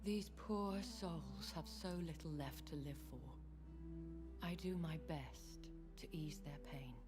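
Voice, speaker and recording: A poised aristocratic vampire lady for a video game, formal and measured in every phrase, her voice set a little low. Loud game music plays underneath her lines. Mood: composed. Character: poised aristocratic female vampire, refined and guarded.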